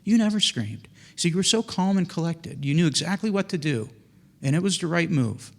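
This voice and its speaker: A man with a slightly higher voice tells a heartfelt personal story. He speaks earnestly and haltingly, often restarting and repeating his words, like a middle-aged speaker giving a testimony. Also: lively intonation. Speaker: storyteller recounting a personal faith experience.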